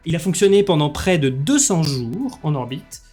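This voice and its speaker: Streamer masculin, voix haute et décontractée, commente un jeu en plaisantant. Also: male voice, fairly high pitch, moderate pace, breathy edge, faint music behind. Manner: lively, joking, with many fillers. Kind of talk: commenting a game live with jokes.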